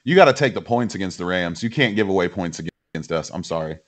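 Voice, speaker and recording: Blunt, low-voiced male football pundit. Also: expressive, quick pace. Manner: joking, blunt, opinionated. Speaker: co-commentator and fan. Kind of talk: casual sports banter.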